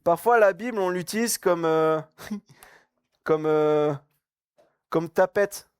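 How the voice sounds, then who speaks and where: A man's voice: fairly high pitch, slow, a little mellow, clear, resonant tone, dry recording, clean studio sound. A young man giving a casual, joking sermon at a youth camp. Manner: joking, chatty, laughs often. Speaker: camp speaker.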